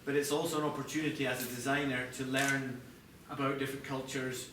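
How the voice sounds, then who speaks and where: A middle-aged man from Scotland, the chief TV product designer, gives a live presentation in an echoey room with an audience. His medium-pitched voice is flat and fast, caught by a distant mic with clear background noise. He speaks conversationally but hesitantly, restarting often.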